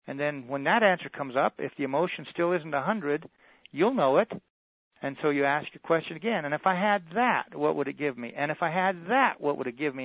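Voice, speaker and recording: A man's voice: fairly high pitch, no room sound. Man with a tinny, dry storytelling voice. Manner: storytelling, voices quoted dialogue. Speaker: motivational speaker. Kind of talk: sales pitch for a coaching package. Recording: tinny phone-like audio, dry.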